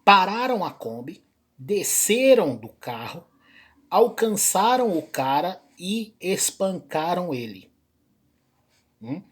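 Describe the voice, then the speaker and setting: Man, husky raspy voice, loose unscripted commentary, reaction host. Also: high-pitched, sing-song. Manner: rambling, with many fillers and trailing pauses. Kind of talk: casual spoken commentary.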